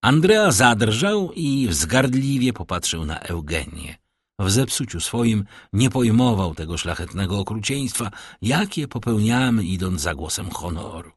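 A man narrating a classic novel as an audiobook, in an expressive, theatrical way. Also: fairly low pitch, unhurried, slightly rough, no echo, clean studio sound. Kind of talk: audiobook reading.

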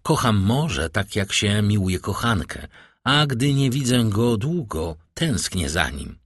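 A man reading an audiobook, voicing a worldly, grand count in a husky voice. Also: on the low side, sing-song, slow, a bit bright, no room sound, clean studio sound, exaggerated voice.

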